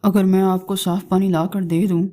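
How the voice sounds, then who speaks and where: A lazy young crow with a sulky streak, complaining in a whiny voice, voiced by a woman. The tone is mellow and soft at a middle pitch. This is a cartoon character who grumbles a lot. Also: level tone, normal speed, close to an everyday voice. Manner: whiny, resentful.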